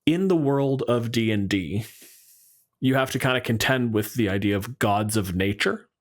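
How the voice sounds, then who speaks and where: A man with a mid-range voice speaks at a moderate pace, co-hosting a podcast. He chats casually about tabletop game monsters, arguing his points back and forth and adding qualifications.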